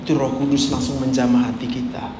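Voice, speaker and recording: A man preaching a chatty sermon, teasing the congregation and swinging from hushed to loud. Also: mid-range voice, monotone, quick pace. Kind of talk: conversational sermon. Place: church hall. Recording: echoey hall with faint room noise.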